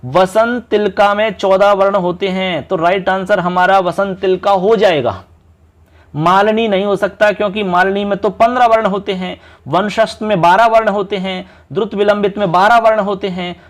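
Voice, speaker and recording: A male Sanskrit tutor with a fairly high voice explains exam questions in a quick, friendly way. He talks straight to his students, calls them friends, and slows down to count syllables and stress each right answer. It sounds like a casual online coaching class. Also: fairly even intonation. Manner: brisk, chatty teacher addressing students as friends. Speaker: Sanskrit teacher. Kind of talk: exam-prep online lesson.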